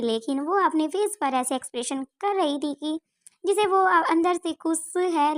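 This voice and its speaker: A woman storyteller reading a scripted romance story in an even, recited manner. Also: sits high.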